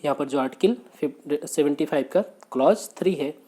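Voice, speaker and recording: A man teaching exam prep, working briskly through quiz questions, asking rhetorical questions and repeating the answers. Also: fairly high pitch, mellow. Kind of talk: exam question walkthrough lecture.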